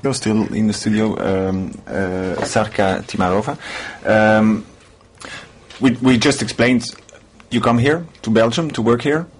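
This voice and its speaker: A man hosting a radio interview in a studio, halting and repeating words as he searches for phrasing. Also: lowish voice, slight background noise. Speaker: radio host.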